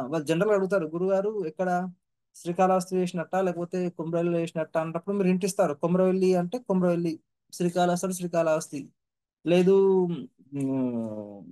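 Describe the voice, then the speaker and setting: Fast-talking high-voiced man. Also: a little mellow. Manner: humble and earnest, repeats points for emphasis. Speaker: devotee sharing his experiences. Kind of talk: devotional testimony.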